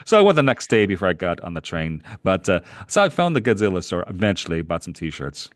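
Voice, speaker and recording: A middle-aged Canadian man with a deep, low voice co-hosts a podcast, telling a long, animated travel story fast and casually. He rambles and chuckles along the way, and the recording is dry and close with no room echo.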